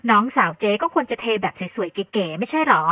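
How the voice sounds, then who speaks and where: A woman voicing a nosy older female coworker who scolds loudly in a high voice. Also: very animated, a little fast, no echo. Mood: pushy. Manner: loud, high, scolding, pushy.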